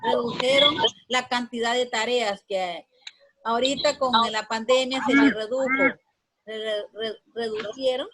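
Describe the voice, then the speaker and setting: Woman teacher, higher voice, patient and repetitive grammar lesson. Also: steady tone, fairly bright tone, low-quality recording. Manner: patient, repeats words slowly for students.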